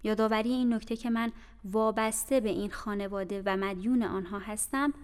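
A woman narrating an audiobook in a measured, literary reading style. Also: mid-range voice, steady tone. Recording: reverberant room with faint music.

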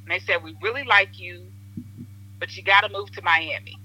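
Podcast guest: animated woman, bright and husky, tinny phone sound, lively storyteller. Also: medium pitch, moderate pace. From Southern Illinois, USA. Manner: animated storyteller, acts out quotes, laughs often. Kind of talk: casual chat.

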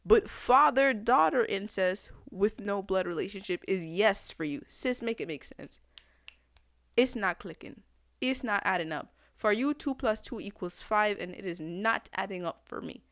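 A woman ranting about an anime in a sassy, exasperated way, with sudden loud outbursts. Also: medium pitch, lively intonation, unhurried, dry recording, clean studio sound. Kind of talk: animated anime rant to camera.

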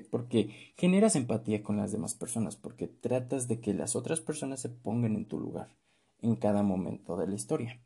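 A man's voice: mid-range voice, vocal fry, dark tone, husky. A man giving an informal class presentation in a conversational way, with many fillers and tag questions. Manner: acts out short voice examples. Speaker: presenter teaching communication.

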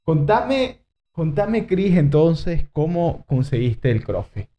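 A man hosting a podcast, asking relaxed, curious follow-up questions. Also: a little high, takes it slowly. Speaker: podcast host. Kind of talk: casual interview. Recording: muffled lo-fi podcast audio.

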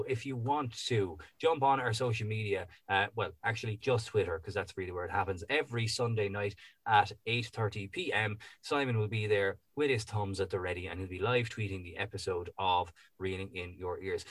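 A man's voice: fairly low pitch, fairly quick, no room sound. A man hosting a podcast, chatting casually in a rambling way with plenty of ums. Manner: easygoing, rambling with many ums. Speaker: podcast host. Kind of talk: casual podcast chat and sign-off.

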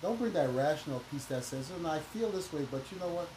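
A man with a fairly high, animated voice talks fast as a guest on a conversational podcast interview. He is a minister and educator, and his delivery is emphatic and preachy, packed with "you know" fillers. The room is echoey, with background noise.

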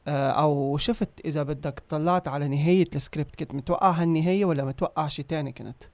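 Male interviewer, Lebanese Arabic accent, fairly high voice, very fast casual questioning, dry close sound. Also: darkish tone, dry recording.

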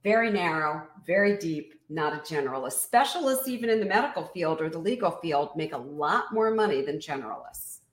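A woman business coach being interviewed, explaining her method in an energetic, emphatic teaching tone. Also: sits low, fairly quick, few pauses, echoey room.

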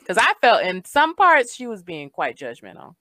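A chatty woman talks through a movie on a podcast, her voice mid-pitched and even. She laughs often and fills pauses with "um" and "like." The sound is dry and close. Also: dry recording. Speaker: podcast co-host. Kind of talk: casual movie discussion chat.

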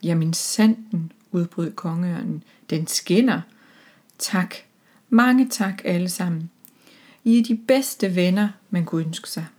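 A woman voicing a lonely, kind-hearted male eagle who is mayor of a small town, read gently in a storybook. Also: fairly low pitch, lightly acted. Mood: grateful.

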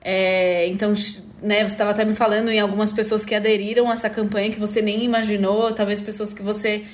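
A woman's voice: mid-range voice, little pitch movement, quick pace. A woman hosting a podcast, talking in an earnest, reflective way with many fillers. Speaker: podcast host. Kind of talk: casual podcast conversation.

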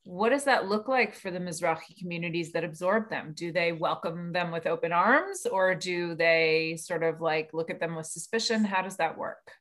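A woman with a fairly low voice, hosting a casual interview. She asks inquisitive follow-up questions and lets them run on as she thinks aloud. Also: moderate pace, hardly any pauses, fairly bright tone. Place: North America.

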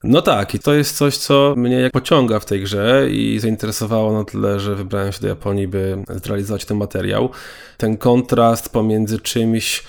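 Lower-voiced man explaining at length. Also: steady tone, vocal fry. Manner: measured, detailed explaining. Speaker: documentary filmmaker guest. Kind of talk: explanatory interview answers.

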